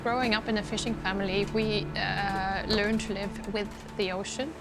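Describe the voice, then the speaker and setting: A woman's voice: mid-range voice, level tone, normal speed. Earnest woman over music. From Lofoten, Norway. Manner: earnest and enthusiastic. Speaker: company co-founder and CEO. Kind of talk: documentary interview. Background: loud background music.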